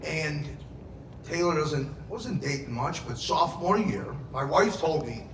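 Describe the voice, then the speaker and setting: Giving a heartfelt father of the bride speech at a wedding reception, a middle-aged man recounts family anecdotes and dramatizes the quotes. His pitch is fairly high, his intonation lively, and his pace measured. The sound comes from a distant mic in a noisy, echoey event room.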